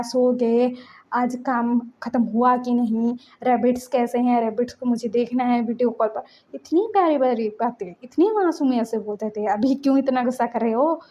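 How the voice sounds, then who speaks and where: A woman doing a young man from a spoken story, pleading and soothing his partner in a high, mellow voice. The recording sounds dull and lo-fi. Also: natural voice. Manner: pleading, placating.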